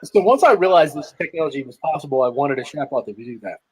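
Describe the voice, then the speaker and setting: A man's voice: a little high, lively intonation, fast talker. A man telling a story in casual chat on a video call, tagging his sentences with "right?". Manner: rambling storytelling, tags lines with "right?". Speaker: podcast guest, marketer.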